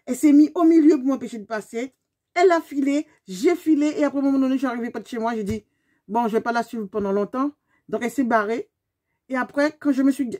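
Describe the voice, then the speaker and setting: Woman, 50s, bright higher voice, emphatic storyteller for a vlog. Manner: animated, emphatic storyteller talking straight to her viewers. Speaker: beauty vlogger.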